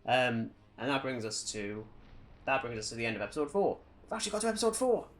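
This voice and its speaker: A podcast co-host with a mid-range voice talks fast and very animatedly, chatting casually about films and games. His opinions come across blunt and strong.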